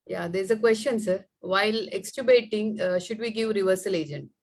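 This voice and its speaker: A woman's voice: mid-range voice, fairly quick, darkish tone. Polite female moderator, Indian accent. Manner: polite, deferential. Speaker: webinar moderator. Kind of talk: formal question relaying.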